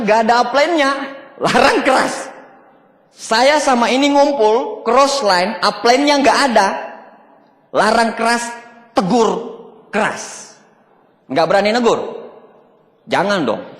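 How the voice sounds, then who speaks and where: High-voiced man speaking in a reverberant hall. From Indonesia. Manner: asks the audience for agreement, mixes casual and formal speech. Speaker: motivational speaker. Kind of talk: motivational seminar talk.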